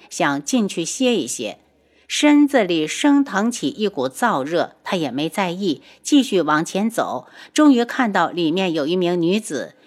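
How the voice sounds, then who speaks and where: A woman narrating an audiobook novel. Her pitch moves a lot, giving the reading an animated, expressive feel.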